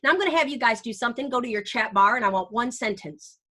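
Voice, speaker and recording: Upbeat woman teacher, slightly high voice. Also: lively intonation, racing, sharp tone. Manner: bubbly, encouraging, breaks into bits of song. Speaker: teacher presenting a session. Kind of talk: energetic online workshop talk. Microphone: computer mic on a video call.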